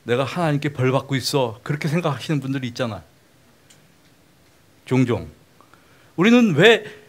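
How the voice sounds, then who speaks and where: A middle-aged man preaching in a lecture-style sermon, talking with his congregation in a plain, conversational way. His voice sits a little high for a man. He keeps asking them questions as he teaches. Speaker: pastor.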